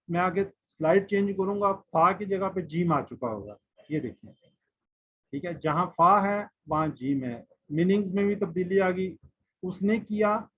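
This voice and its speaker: A man's voice: high voice, slightly rough. A man teaching a Quran class online, patiently drilling letters and word forms and asking his students questions. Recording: muffled lo-fi online class audio.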